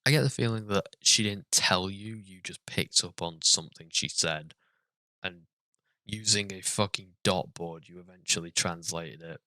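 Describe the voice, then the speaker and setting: Man, low pitch, forceful voice, sarcastic profane ranting, comedic reading commentary. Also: moderate pace, no echo.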